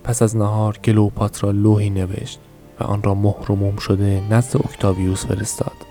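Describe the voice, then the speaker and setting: A man narrating a novel for a podcast, reading in a steady, measured storytelling manner. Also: lowish voice, faint music behind. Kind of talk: scripted audiobook narration.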